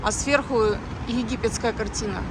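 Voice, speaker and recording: A woman in her thirties chats through a casual vlog outdoors, musing and rambling with lots of fillers. Her voice sits a little high. Clear traffic noise from the city street runs behind her. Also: steady tone, moderate pace. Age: 30s. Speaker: vlogger. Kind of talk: casual walking vlog chat.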